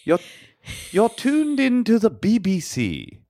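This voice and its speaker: A man's voice: high-pitched, huge pitch swings, takes it slowly, dark tone, dry recording, clean studio sound, voice pushed up, heavily acted. A man voicing a pompous BBC-style radio announcer in an attempted British Received Pronunciation accent, with an amateurish, mannered delivery. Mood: mock formal.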